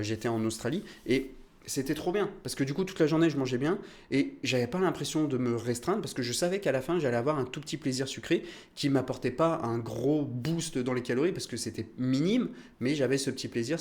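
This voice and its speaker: Young French man, solo podcast host; relaxed coaching explainer, mid-range voice, restarts often. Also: mid-range voice. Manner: chatty, explanatory, many fillers and restarts. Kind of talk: casual solo podcast talk.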